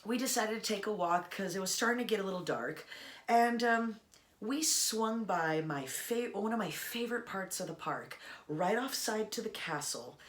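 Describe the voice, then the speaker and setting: A woman's voice: medium pitch, expressive, moderate pace. A young adult woman vlogger casually telling a personal story to camera in a chatty, rambling way with sarcastic asides. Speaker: Disney vlogger.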